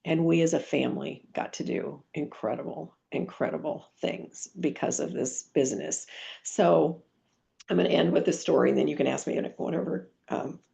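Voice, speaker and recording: Low, gravelly woman on a muffled video call. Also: fairly quick. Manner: warm anecdotal, earnest, many restarts. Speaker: guest speaker, team leader. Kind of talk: motivational storytelling on a team call.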